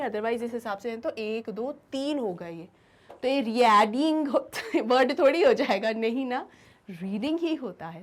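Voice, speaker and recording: A woman's voice: on the high side, a little mellow. A woman teacher giving a grammar lesson, asking her students questions and answering them herself.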